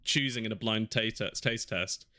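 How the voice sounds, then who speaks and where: A man's voice: on the low side, moderate pace, sharp tone, dry recording, clean studio sound. A man co-hosting a podcast who chats in a casual, wry way and passes on stories he has seen. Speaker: podcast co-host. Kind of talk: casual chat.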